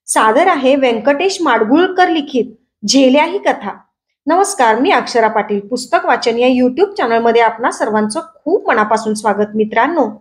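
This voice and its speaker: High-voiced woman reading a story. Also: reverberant. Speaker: storyteller and channel host. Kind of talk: reading a short story aloud.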